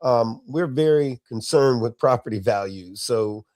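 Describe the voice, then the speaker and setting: A man from Florida talks in a blunt, folksy way, pressing his points hard. His voice is mellow and dark. It sounds dry and close, with no room around it. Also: medium pitch, unhurried, no echo. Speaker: podcast co-host. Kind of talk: casual podcast chat.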